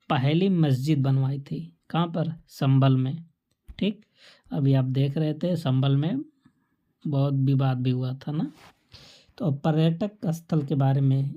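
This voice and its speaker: A woman's voice: sits low, dark tone. A woman teaching exam facts as a quiz-style lecture, asking questions and answering them herself. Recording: dull lo-fi recording.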